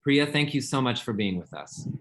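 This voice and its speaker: A man's voice: mid-range voice, animated, normal speed, a bit bright. A man acting as moderator, formally introducing guests and putting questions to them in a panel discussion.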